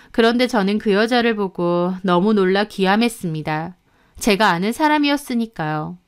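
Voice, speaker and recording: A woman's voice: medium pitch, clear, resonant tone. A woman narrating a dramatic first-person story in a storytelling delivery.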